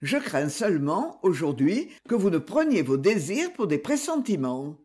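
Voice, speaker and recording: A reader voicing an irritated, blunt aristocratic son in an audiobook. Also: male voice, sits high, very animated, unhurried, darkish tone. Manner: irritated, grumbling.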